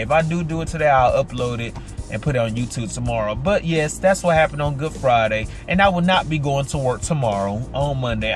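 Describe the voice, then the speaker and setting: A man vlogging a storytime, retelling a work clash with indignant outbursts and dropping low and quiet for asides. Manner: animated, indignant retelling with sharp pitch jumps; drops low and quiet for asides and sign-offs. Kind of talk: storytime vlog.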